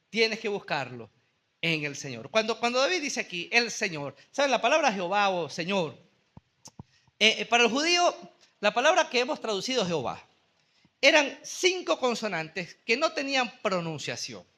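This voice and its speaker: A man pastor preaching a sermon in a church, earnestly slowing down on key phrases for emphasis. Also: very high voice, sharp tone. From Venezuela.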